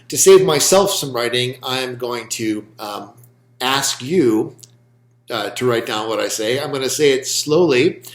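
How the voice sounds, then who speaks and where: A man lectures on philosophy for a recorded class, dictating points slowly and repeating them so listeners can write them down. His voice sits at a middle pitch, and he fills the pauses with ums. The recording carries a noticeable roomy echo. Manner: slow, deliberate dictation with frequent ums. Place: room with a whiteboard.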